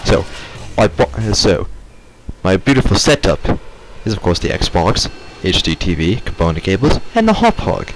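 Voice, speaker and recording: A man's voice: low-pitched, expressive, unhurried. A man giving casual gameplay commentary, rambling and slipping in and out of a put-on odd accent. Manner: rambling, with many fillers and restarts. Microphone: sensitive desk mic. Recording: game gunfire and artillery noise behind.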